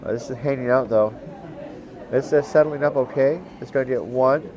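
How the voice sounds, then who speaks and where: A man calling a curling game as commentator, relaxed and halting, with lots of fillers and restarts and the odd dry aside. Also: mid-range voice, a crowd in the background. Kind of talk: play-by-play commentary.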